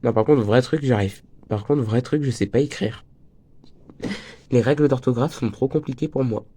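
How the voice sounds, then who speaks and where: The host of this laid-back crochet tutorial is a teenage boy whose voice is breaking and who has a slight cold; he's chatty and jokey and wanders off topic. Expect a mid-range, dark voice with a breathy edge at a normal pace.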